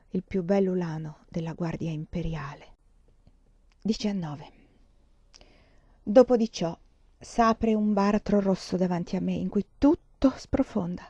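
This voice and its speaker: Expressive woman reading a dark novel. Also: lowish voice, measured pace, long pauses, husky, no echo. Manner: expressive, rising to near-sobbing at tense moments. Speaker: reader of a novel. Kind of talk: dramatic audiobook narration. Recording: dull dry recording.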